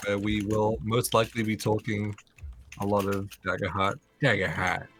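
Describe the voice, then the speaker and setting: A man running a tabletop game on a live stream, explaining the rules in a relaxed, enthusiastic way and swearing casually. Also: fairly low pitch, normal speed, slight background noise. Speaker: game master.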